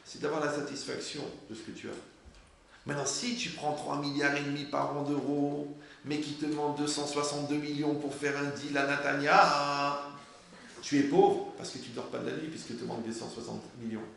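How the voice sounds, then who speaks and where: A man giving a religious class, animated and humorous, asking his listeners rhetorical questions. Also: a little high, moderate pace, gravelly. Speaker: Torah teacher. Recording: very echoey room, faint noise.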